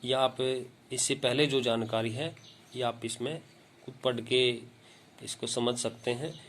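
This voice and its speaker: A man teaching Hindi grammar in a lesson, speaking slowly and deliberately and repeating example words aloud to show how they are pronounced. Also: mid-range voice, steady tone, a bit bright. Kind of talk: classroom-style grammar lesson.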